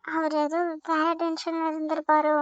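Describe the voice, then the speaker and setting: A woman voicing a fretful young woman, very high voice. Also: monotone, moderate pace, no room sound, highs cut off. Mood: worried. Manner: fretful, muttering to herself. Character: anxious young woman waiting on her lover.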